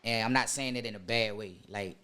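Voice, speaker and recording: A man's voice: on the low side, brisk, sharp tone, a little hiss or hum. A young adult man as a guest in a casual chat, laid-back yet insistent and freely profane.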